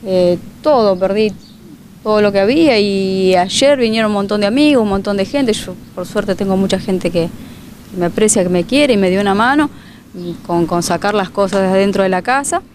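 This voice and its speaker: A woman's voice: mid-range voice, moderate pace, darkish tone, a little hiss or hum. A woman, a local resident telling a news reporter about her flooded home outdoors, speaking in fragmented, emotional bursts with many restarts. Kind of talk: street news interview.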